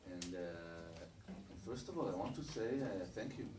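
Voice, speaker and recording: A man from Israel, the author of the adapted books, speaking haltingly to an audience after a performance, with many restarts. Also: low voice, animated. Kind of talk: post-show audience talk. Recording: echoey room from far off, noisy.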